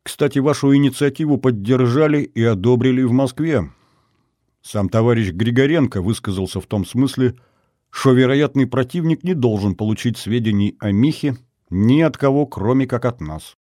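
A man reading an audiobook, voicing a gruff, guarded middle-aged male colonel who speaks in a matter-of-fact way. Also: mid-range voice, moderate pace, mellow, dry recording, studio quality, pitched above the performer's own voice, lightly acted.

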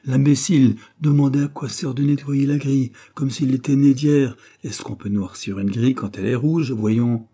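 A man voicing a shrill, ill-tempered working wife who scolds and shouts. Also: normal speed, few pauses, breathy edge. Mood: furious. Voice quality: piercing, shrill.

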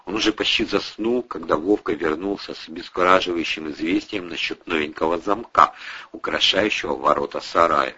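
Deep husky male audiobook narrator. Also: brisk, bright, forceful tone, dull audio.

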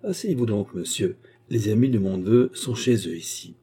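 A man's voice: fairly low pitch, moderate pace, mellow, slightly rough. Man doing a hearty old country nobleman. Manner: hearty and effusive. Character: jovial old male country nobleman and hunter.

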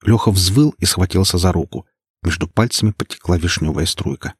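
Male audiobook narrator, low husky voice, dry close sound. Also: fairly quick, no echo. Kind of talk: scripted narration.

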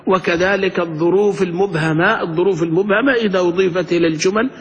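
A man's voice: high-pitched, fast, big-room sound, muffled recording. A man teaching grammar in a classroom lecture, asking students questions and answering them himself.

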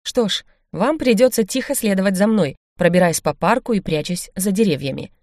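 A woman's voice: mid-range voice, lively intonation, fairly quick, a little mellow, no room sound, studio quality, lightly acted. A woman reading the lines of a stern, scheming male baron in an audiobook, firm and commanding.

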